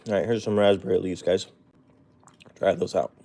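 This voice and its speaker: A man's voice: low-pitched, fairly even intonation, normal speed, warm tone. A man casually chatting on a livestream while feeding his guinea pigs, rambling and correcting himself with small chuckles. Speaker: pet vlogger.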